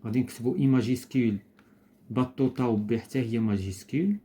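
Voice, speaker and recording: A man with a Moroccan accent explaining a primary school lesson, slowing down to spell out phrases carefully. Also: medium pitch, fairly even intonation, dark tone. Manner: switches between Moroccan Arabic and slow, deliberate French. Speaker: teacher.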